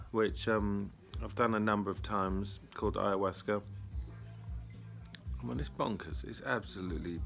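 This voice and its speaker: A man's voice: fairly low pitch, a bit bright. A man, a retreat leader telling a story in a casual monologue, blunt, wry and full of swearing.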